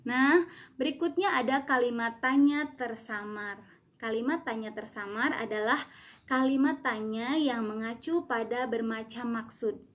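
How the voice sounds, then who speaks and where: A woman's voice: fairly high pitch, unhurried. A woman teacher giving a remote lesson, patiently explaining and reading example questions aloud.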